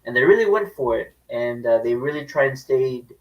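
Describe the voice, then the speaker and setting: A man co-hosting a casual movie talk, speaking in a measured, thoughtful way. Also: mid-range voice, lively intonation, distant mic, muffled recording. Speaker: co-host. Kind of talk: casual film chat.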